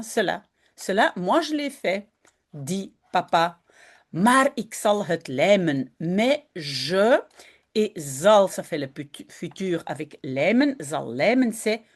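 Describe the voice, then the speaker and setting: A woman teacher, reading a short story aloud and patiently translating and explaining it phrase by phrase. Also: medium pitch. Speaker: Dutch language teacher.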